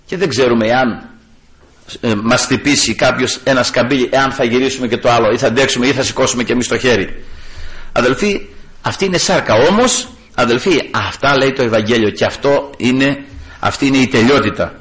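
A man with a mid-range voice preaches a sermon to his congregation. He's animated, shifting between raised emphasis and hushed asides.

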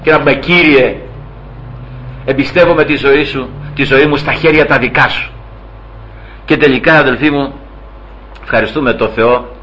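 A man's voice: mid-range voice, pauses often, bright, forceful tone, highs cut off, a little hiss or hum. A man preaching a sermon, emphatic and repetitive, constantly addressing his listeners as brothers. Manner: emphatic, repeats phrases and acts out quoted speech.

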